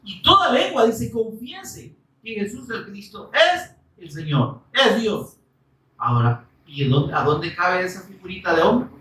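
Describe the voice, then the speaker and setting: A preacher delivering a fervent sermon, firing rhetorical questions and breaking into shouts for emphasis. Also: medium pitch, big pitch swings, measured pace, far from the mic. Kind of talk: Spanish-language sermon. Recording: roomy, from off-mic.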